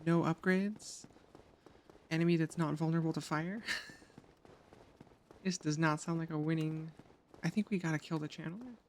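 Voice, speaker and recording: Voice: medium pitch, steady tone, normal speed, pauses often, slight background noise. A streamer giving casual gameplay commentary, chatty and joking, swearing now and then and talking to the chat.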